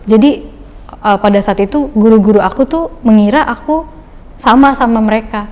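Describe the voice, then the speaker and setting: A woman's voice: a little high, moderate pace, a little mellow, long reverb tail, lo-fi sound. A young woman guest speaking in a chatty, loose storytelling way with many fillers, giving a casual personal testimony on a podcast.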